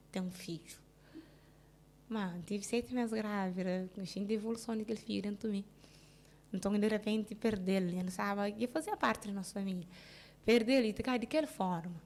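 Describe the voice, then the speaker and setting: In a casual interview, a woman with a Cape Verdean Creole accent shares a personal story, often halting and starting over and checking whether the listener understands. Her mid-range voice is a little mellow, mostly subdued but breaking into sudden bursts of emphasis.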